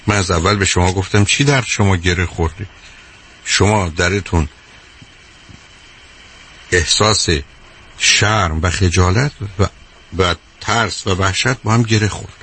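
A man's voice: sits low, fairly even intonation, long pauses, fairly bright tone, slight background noise. A man from Iran, a psychologist hosting a call-in show, lecturing a caller emphatically and often calling her "dear". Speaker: radio psychologist host. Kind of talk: call-in advice talk.

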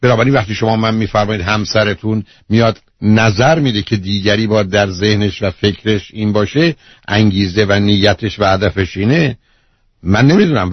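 A man's voice: lowish voice, husky, no echo. A man hosting a call-in advice show as a psychologist, talking bluntly and lecturing the caller. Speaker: radio psychologist host. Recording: dull lo-fi radio audio.

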